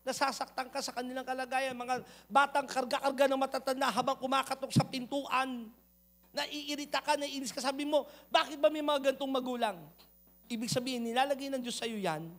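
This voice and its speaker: A man, a pastor preaching a sermon, moving from loud calls to the congregation to quiet, personal storytelling. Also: extremely high pitch, fairly even intonation, a little fast. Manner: switches between loud appeals to the congregation and soft storytelling.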